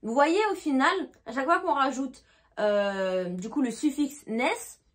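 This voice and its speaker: A woman's voice: high voice, expressive, unhurried. A woman teaching English vocabulary, who repeats each example, translates it and checks with "d'accord?". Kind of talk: explaining grammar.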